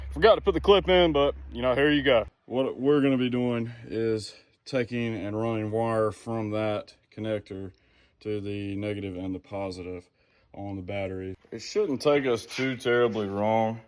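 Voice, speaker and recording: A man with a lowish voice works on his car outdoors for a DIY vlog, chatting in a folksy, easygoing way and thinking aloud as he goes. The recording sounds dry yet noisy, with outdoor ambience and some wind.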